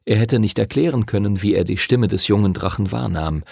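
A man narrating a fantasy audiobook in an expressive storytelling manner. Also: lowish voice, brisk, vocal fry, breathy edge, no room sound, studio quality.

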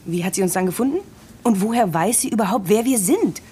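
A woman's voice: medium pitch, fast, dark tone, slightly rough. An actress playing a suspicious, insistent young woman in a radio play who keeps asking questions, with music behind.

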